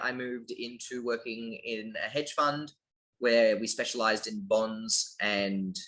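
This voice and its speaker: A man's voice: medium pitch, bright, forceful tone, rough recording. An Australian man talking casually as an interview guest, his phrases often rising in upward inflection at the ends. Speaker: interview guest, finance project lead.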